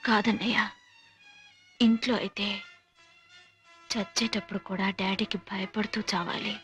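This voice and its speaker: An actress playing a heartbroken young sister, speaking slowly and mournfully over the phone, heard over loud film music. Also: female voice, medium pitch, fairly even intonation, close to an everyday voice. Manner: slow, mournful speech.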